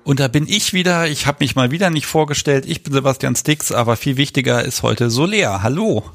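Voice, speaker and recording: A man's voice: mid-range voice, animated, a little fast, a bit bright, faint music behind. A man hosting a casual live podcast in a chatty, informal way, with a lisp that makes his s slushy, like sh. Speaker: podcast host.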